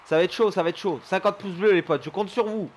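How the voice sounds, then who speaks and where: A young man commentating his own gameplay for viewers, excitable and chummy, swearing and shouting at the game. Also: high voice, quick pace, a little hiss or hum. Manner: chummy, keeps calling viewers his pals. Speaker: gaming YouTuber.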